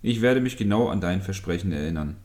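A grumpy fisherman loses his temper and threatens his own fishing hook in a storybook tale, as a man puts him on. The voice is very deep and low, and it sounds scolding and threatening. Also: lively intonation, quick pace, a little mellow. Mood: angry. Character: grumpy, hot-tempered adult male fisherman.

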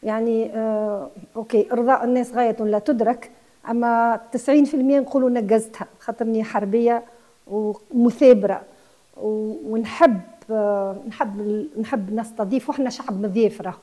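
A woman's voice: fairly high pitch, steady tone, fairly quick, dark tone. A Tunisian woman in her sixties who runs a guesthouse, speaking with passion as a TV interview guest and mixing in French words. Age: 60s. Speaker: guesthouse owner.

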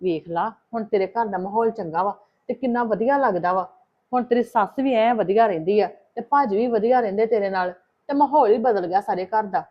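A woman's voice: medium pitch, brisk, lo-fi sound. A woman playing a visiting sister in a scripted family drama, talking in an earnest, advising way.

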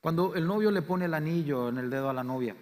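Impassioned Paraguayan preacher in a reverberant church. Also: male voice, quick pace. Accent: Paraguayan Spanish. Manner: impassioned preaching, swings between loud declarations and quiet low lines. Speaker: pastor. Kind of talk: sermon. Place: church sanctuary.

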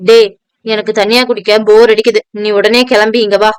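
A woman's voice: medium pitch, flat delivery, moderate pace, clean tone, no room sound, close to an everyday voice. A woman voicing a drunk, self-pitying, volatile rich man who slurs and whines. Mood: drunk, whining. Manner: slurred, whining drunk talk.

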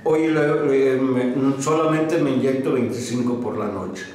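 A man's voice: medium pitch, unhurried, darkish tone. A man in his sixties, a patient telling his story in an interview, hesitant with many fillers and restarts, recorded in a small medical office. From Mexico. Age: 60s. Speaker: patient giving a testimonial. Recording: echoey small room, faint noise.

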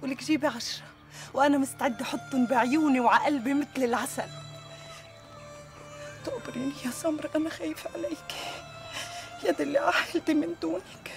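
An actress playing a worried, loving aunt. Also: female voice, sits high, fast, pauses often, over music. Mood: anxious. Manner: pleading, anxious. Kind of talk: TV drama acting.

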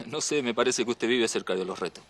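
An actor plays a gossiping servant in a telenovela who drops sly hints and chuckles. His voice sits at an ordinary mid pitch. A faint hiss lies under it. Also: brisk, vocal fry, lightly acted. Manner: insinuating, chuckling. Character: nosy, sly male house servant who eavesdrops. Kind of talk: telenovela acting.

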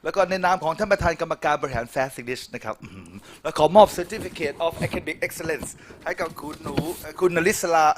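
Animated Thai male English tutor. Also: fairly high pitch, moderate pace, few pauses, slight background noise. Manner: animated, teasing, praising, addresses audience. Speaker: English tutor hosting a student score review. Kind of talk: lively classroom interview, mixing Thai and English.

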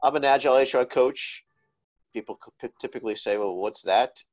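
A man's voice: mid-range voice, brisk, darkish tone, lo-fi sound. A man with a New Jersey accent speaking as a panelist on a video call, jokey and full of fillers. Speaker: panelist, agile HR coach.

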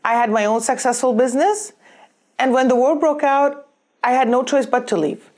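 A woman with a fairly high voice delivers a prepared graduation speech. She speaks earnestly and at a measured pace, recorded facing the camera indoors. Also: darkish tone. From Syria. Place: plain indoor backdrop, in cap and gown.

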